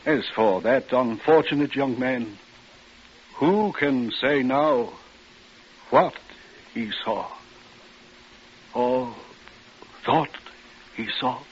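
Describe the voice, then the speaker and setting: Slow, grave, evasive doctor. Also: male voice, mid-range voice. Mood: ominous. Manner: deliberate, halting, formal. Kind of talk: 1940s radio drama acting. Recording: hissy, dull old radio recording.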